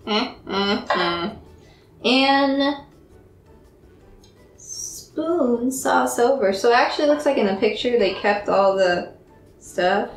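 A woman's voice: fairly high pitch, lively intonation, slow pace, pauses often, faint music behind. A young woman in her twenties cooking in her home kitchen, chatting to the camera and thinking aloud in a self-deprecating way. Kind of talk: casual cooking vlog. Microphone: far camera. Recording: roomy kitchen sound from a distant camera.

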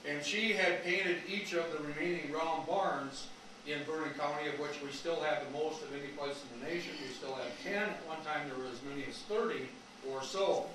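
An American man in his sixties with a Midwestern accent and a loud coach's voice, giving an informal, folksy talk to an audience without a microphone. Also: a little high, normal speed, recorded from a distance. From rural Wisconsin, USA. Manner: informal, folksy, rambling asides. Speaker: lecturer, retired history teacher. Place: community meeting room, indoors. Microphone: no microphone, picked up from across the room. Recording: echoey room from afar, faint noise.

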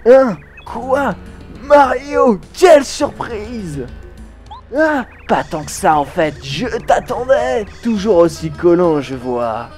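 A man voicing a gloating, brutish male monster king who drags out slow, smug taunts. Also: sits high, sing-song, a little mellow, faint music behind, exaggerated voice. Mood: taunting.

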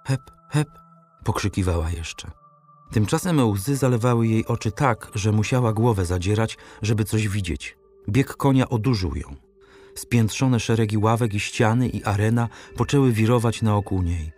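A man narrating a classic novel as an audiobook, reading in a measured, dramatic way. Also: fairly low pitch, a little mellow, faint music behind. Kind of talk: scripted literary narration.

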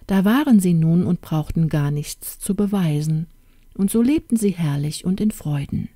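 A woman narrating a fairy-tale audiobook in a calm, measured storytelling manner. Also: lowish voice, dry recording, studio quality.

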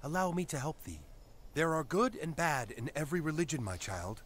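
A man's voice: on the high side, very animated, a little fast, crowd noise. A man playing a solemn, benevolent holy figure in a cartoon game, speaking formally. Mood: solemn, gentle. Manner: formal, pontificating. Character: solemn, benevolent male deity. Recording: game music behind the voice.

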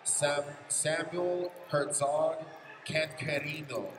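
A man's voice: on the high side, fairly even intonation, slow pace, over music. A man making urgent tournament calls over a PA system, repeating names and last calls in a large indoor arena. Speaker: tournament announcer. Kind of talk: public address calls. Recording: echoey PA in a big hall, from far off, noisy.

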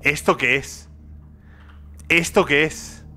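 Young guy, high-pitched, jumpy let's play chatter, keeps repeating himself. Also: slow, sharp tone, faint music behind. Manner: nervous, talks to himself, repeats phrases, begs and complains. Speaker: gaming youtuber. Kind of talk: horror game let's play commentary.

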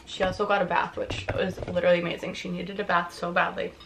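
This casual vlog chat comes from a young woman on her living room couch, tired yet talkative, with "like" in nearly every line. Her voice is on the low side and fast, and the tripod camera yields a roomy home recording with faint hiss.

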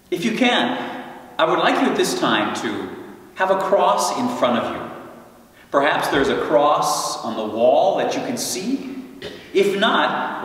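A male priest gives a Good Friday homily in a large church sanctuary, speaking slowly in a reflective, guiding manner with long pauses. His voice is a little high and fairly bright. A stand mic some way off and a distant camera capture him, so the voice sounds far away in roomy church reverb.

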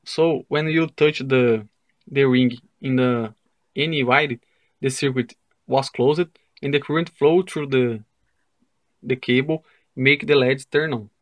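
A young man with a Brazilian Portuguese accent, a native Portuguese speaker, explains a simple circuit step by step in careful, halting English at a wooden table indoors. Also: mid-range voice, steady tone, poor audio. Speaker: science fair project demonstrator.

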